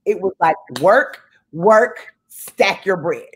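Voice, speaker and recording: Husky animated woman on a webcam at home, emphatic, keeps preaching about money. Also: fairly low pitch, slow. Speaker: guest, business owner. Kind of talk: video call interview. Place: home room indoors. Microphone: video call webcam.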